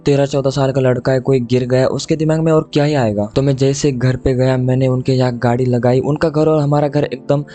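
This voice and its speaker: A man's voice: mid-range voice, fairly even intonation, brisk, hardly any pauses, dark tone, faint music behind. A young man casually telling a personal story, chatting to the listener as "bhai" throughout.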